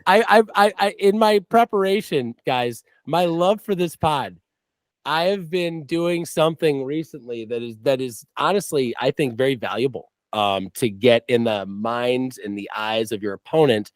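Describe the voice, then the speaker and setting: A man's voice: mid-range voice, moderate pace, dry recording. A man co-hosting a casual sports podcast, ranting in a profane, mock-outraged way. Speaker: podcast co-host.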